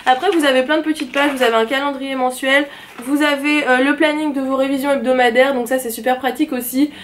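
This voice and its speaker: A woman's voice: high voice, fairly even intonation, fast talker, fairly bright tone. A young woman vlogger chatting eagerly about her planners in a casual show-and-tell. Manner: chatty and enthusiastic, gushing.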